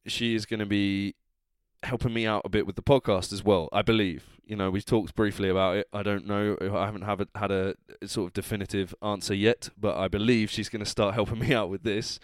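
A man's voice: on the low side, fairly even intonation, a little fast, clean tone, dry recording, clean studio sound. A drunk man with an English accent, chatting casually as a solo podcast host, rambling, interrupting himself and trailing off. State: drunk, tipsy.

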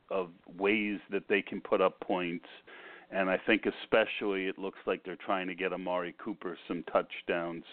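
A man hosting a casual sports podcast, sounding a little under the weather, speaking in a halting way with repeated words. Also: low-pitched, no echo. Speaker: podcast host. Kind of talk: casual fantasy football commentary. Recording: tinny phone-line sound.

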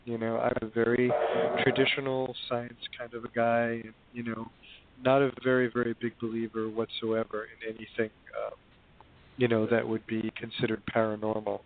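A man's voice: mid-range voice, monotone, moderate pace. A man speaking as a guest in a radio interview over a crackly phone line with static. He talks hesitantly, with many fillers and restarts.

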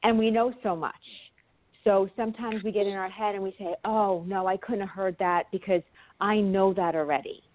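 A woman with a New York accent, a guest on an interview, talking quickly and earnestly with some ums. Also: mid-range voice, fairly even intonation, no room sound. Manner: quick, heartfelt talk with ums. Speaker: guest, animal communicator. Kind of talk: casual interview chat. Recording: dry, tinny phone-like line.

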